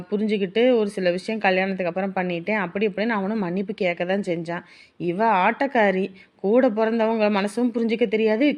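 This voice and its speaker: An actress playing a village daughter-in-law, speaking in an outspoken, aggrieved way. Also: female voice, on the high side, highs cut off, lightly acted. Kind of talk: village family drama.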